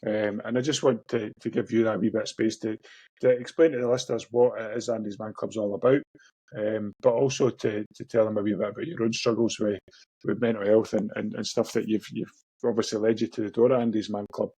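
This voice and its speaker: A man's voice: on the low side, steady tone, brisk, mellow, husky, no echo. A man with a Scottish accent hosting a podcast in an informal, matey, chatty way. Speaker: podcast host. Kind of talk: casual chat, interviewing.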